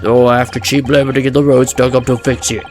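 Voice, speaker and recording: A man voicing a gruff, defensive labourer in a video game, blunt and weary in his talk. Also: mid-range voice, flat delivery, quick pace, a little mellow, close to an everyday voice. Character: gruff, hard-up working-class male labourer, defensive family man.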